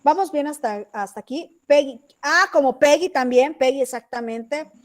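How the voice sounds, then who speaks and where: High-voiced Mexican woman teaching on a video call. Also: normal speed. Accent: Mexican Spanish. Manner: chatty, asks checking questions. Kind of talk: online class lecture.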